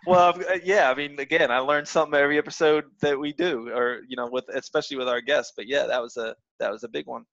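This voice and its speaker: A man's voice: mid-range voice, steady tone, fast, hardly any pauses, fairly bright tone, dry recording. Man, podcast co-host, rambling casual chat, muffled dull mic, dry sound. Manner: rambling, many fillers and restarts. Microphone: muffled microphone.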